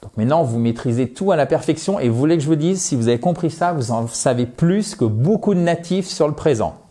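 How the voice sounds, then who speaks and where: A man teaching a language lesson online, talking straight to his viewers in a lively, emphatic way. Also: fairly high pitch, fairly quick. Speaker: English teacher.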